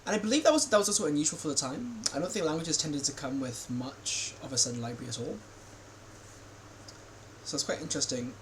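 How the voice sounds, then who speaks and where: A man's voice: on the high side, lively intonation, fast talker, a little hiss or hum, low-quality recording. A man giving casual reaction commentary while watching a video, rambling with many fillers and restarts.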